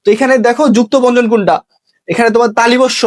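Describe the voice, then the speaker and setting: A man teaching an exam-prep lesson, repeating each rule slowly and checking in with his students. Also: extremely high pitch.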